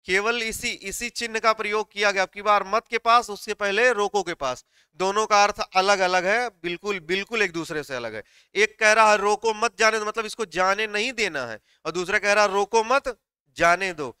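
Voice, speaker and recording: Male teacher, high and bright voice, very clear and dry close sound, questioning and dictating to students. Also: normal speed, dry recording. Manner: explains step by step, asks students questions; dictates notes word by word. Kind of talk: live online class.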